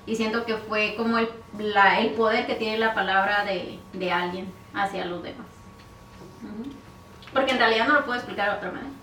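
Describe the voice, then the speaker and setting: A woman telling a story in casual podcast chat, animated, acting out family voices and laughing often. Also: medium pitch, a little fast, a little hiss or hum.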